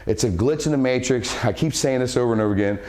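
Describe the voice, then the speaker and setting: A man's voice: medium pitch, quick pace. A man coaching a martial arts cardio workout, a little out of breath as he demonstrates the kicks. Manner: breathes sharp huss sounds on strikes while demonstrating. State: slightly out of breath from exercising. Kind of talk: instructional workout talk.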